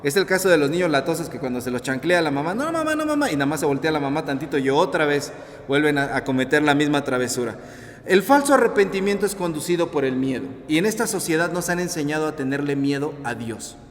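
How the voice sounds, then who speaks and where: A man with a Mexican Spanish accent preaching a sermon reflection, lively and colloquial, acting out the voices he quotes. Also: on the high side, fast talker. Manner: animated, acts out quoted voices, colloquial asides. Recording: echoey hall with long reverb.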